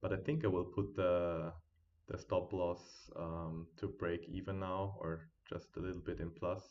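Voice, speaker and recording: Deep-voiced man streaming live trades. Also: flat delivery, a little slow. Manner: thinks aloud while watching charts, chatty with viewers. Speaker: day trading streamer. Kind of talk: live trading commentary. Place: home. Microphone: built-in computer mic. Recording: dull, quiet built-in computer mic.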